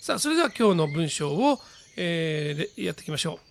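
Male language teacher, high voice, patient and repetitive, radio lesson with soft birds in the background. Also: very animated, vocal fry, slight background noise. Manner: patient, repeats model phrases slowly, frequent fillers. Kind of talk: pronunciation lesson with repeated drill phrases.

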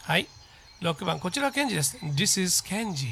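Man, English teacher, slow repeat drills, patient explanations, faint birdsong behind. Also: high-pitched, very animated, gravelly, sharp tone, a little hiss or hum. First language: Japanese. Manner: slow, deliberate model sentences for repeating; patient explaining, checks in with the listener.

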